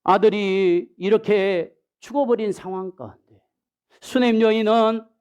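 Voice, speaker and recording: A male pastor giving a sermon, telling the story in an animated way, acting out the people in it and dropping into soft asides. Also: sits high, unhurried, smooth.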